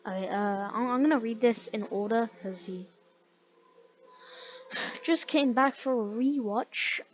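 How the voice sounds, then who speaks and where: A woman's voice: on the high side, measured pace. A woman casually reading comments aloud and reacting with laughter and disbelieving questions. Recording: dull lo-fi mic, faint background hiss.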